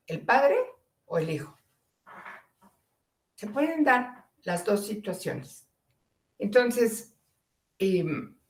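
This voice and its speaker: Female lecturer, Mexican Spanish accent, unhurried, deliberate explanations, roomy sound. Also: mid-range voice, gravelly. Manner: slow, deliberate, repeats key phrases. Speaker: teacher. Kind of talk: lecture on logic and fallacies. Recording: echoey room.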